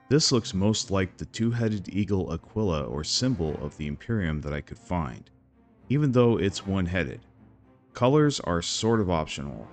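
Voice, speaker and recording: Man, fairly low pitch, casual game guide narration, explanatory, opinionated, light background music. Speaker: video game guide host. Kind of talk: casual gameplay guide voice-over. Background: faint music.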